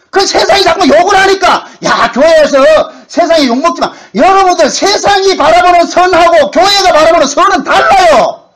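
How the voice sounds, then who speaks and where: In a church sanctuary, a male pastor preaches a sermon in a colloquial way, acting out quoted voices and swinging from loud bursts to hushed asides. His voice is very high-pitched, and the recording quality is low.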